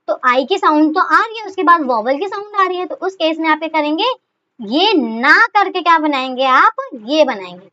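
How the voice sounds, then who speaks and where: High bright-voiced woman teaching shorthand. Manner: chatty, repeats rhetorical questions and okay. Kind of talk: explaining a lesson step by step. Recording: dull lo-fi recording.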